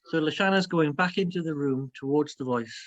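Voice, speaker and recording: A man's voice: on the high side, a little fast, lo-fi sound. A man running a tabletop role-playing game as game master, narrating it in a hesitant, piecemeal way.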